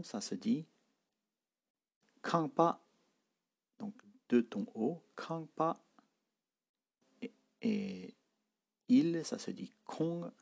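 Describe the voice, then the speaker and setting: Slow husky guy teaching tones, says each word then repeats it, low voice. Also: warm tone. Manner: models words and tones in isolation, then repeats them; explains pronunciation patiently. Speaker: Tibetan language teacher. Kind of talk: slow spoken language lesson.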